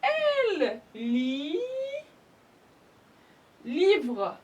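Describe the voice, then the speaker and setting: A woman's voice: high-pitched, huge pitch swings, drawn-out words, muffled recording. A woman teaching young children a French spelling lesson, speaking patiently, sounding out each letter and praising the class often. She speaks French with an Algerian accent. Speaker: primary school French teacher.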